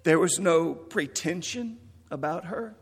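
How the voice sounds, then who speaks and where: A man preaching a memorial sermon in a church, earnest and measured, quoting scripture. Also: fairly high pitch, expressive, breathy edge, big-room sound. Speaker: pastor.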